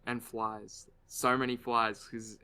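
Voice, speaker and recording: Bright-voiced Australian man, dry jokes. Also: medium pitch, flat delivery, takes it slowly, clear, resonant tone. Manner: dry, jokey asides. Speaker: co-host. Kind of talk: casual chat while drawing.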